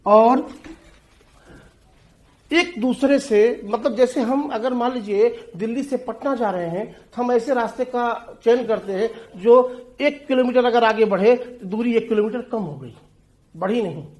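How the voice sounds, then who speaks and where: A man's voice: very high-pitched, a little slow, a little mellow, roomy sound. A male teacher giving an exam-prep lecture on essay writing, explaining with everyday examples and speaking straight to his students. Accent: Hindi.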